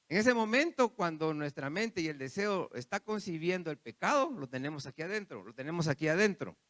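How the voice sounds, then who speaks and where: A man's voice: a little high, a bit bright, no room sound. A man preaching a sermon, repeating phrases and turning to the congregation with asides. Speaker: pastor.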